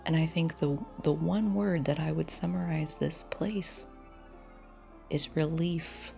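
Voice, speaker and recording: Soft background music accompanies a woman's personal, halting reflections, captured dictaphone-style on a phone recorder with long pauses as she tells her story alone. Her low, breathy voice has a dark tone and fairly even intonation, often sinking almost to a whisper.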